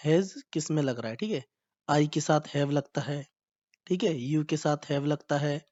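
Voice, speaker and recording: Guy teaching grammar, slow careful examples, keeps checking u follow, kinda dull lo-fi sound. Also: a little high, a little mellow. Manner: patient, repetitive explaining, often checking "right?"; drawn-out slow example sentences. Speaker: English teacher. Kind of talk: classroom-style grammar lesson. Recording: slightly dull lo-fi recording.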